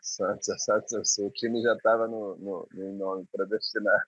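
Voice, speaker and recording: A man's voice: lowish voice, level tone, normal speed, fairly bright tone, no echo. Guy in his 50s rambling thru old memories, dry tinny phone sound. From Maranhão, Brazil. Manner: rambling, reminiscing, with restarts. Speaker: guest musician. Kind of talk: conversational storytelling.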